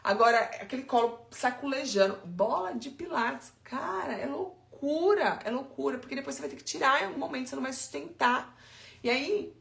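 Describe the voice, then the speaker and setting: A woman's voice: sits high, expressive, a little fast, vocal fry, fairly bright tone, roomy sound. A Brazilian woman in her thirties, an infant sleep consultant giving chatty, emphatic advice straight to her listeners. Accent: Brazilian Portuguese. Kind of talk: informal advice talk.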